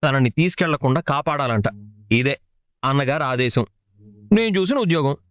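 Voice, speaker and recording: A man's voice: mid-range voice, lively intonation, normal speed, a bit bright, clean tone, no echo, muffled recording, lightly acted. An actor playing a talkative, theatrical young man who speaks in grand, long-winded phrases. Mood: grandiose. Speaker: actor in a TV serial. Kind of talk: TV serial acting.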